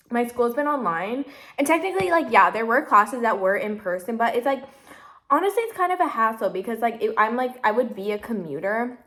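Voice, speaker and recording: A woman's voice: on the high side, a bit bright. A young woman in her twenties chats on and on while she eats, full of "like" and "literally." Her talk is loose and meandering, and now and then she speaks around a mouthful of food. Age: 20s. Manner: chatty, rambling, heavy use of "like" and "literally". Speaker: vlogger. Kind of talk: casual mukbang chat.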